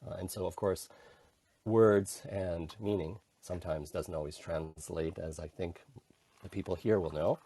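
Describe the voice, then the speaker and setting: A middle-aged man with a Canadian English accent, an intercultural communication consultant, is a guest on a podcast, casually telling his own story and often restarting his sentences. His voice is low, dark and a little breathy, with a steady tone and a slightly slow pace, in a relaxed conversational interview.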